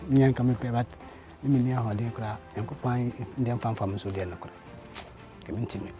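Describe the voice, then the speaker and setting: A man's voice: medium pitch, fast, over music. A man from Ghana giving an interview in his own language, chuckling between phrases.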